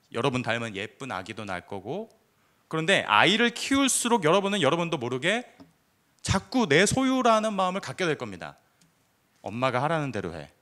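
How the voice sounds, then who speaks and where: A man preaching a sermon to his congregation, explaining a passage in an animated way and acting out short quoted lines. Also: on the high side. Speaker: pastor. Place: church.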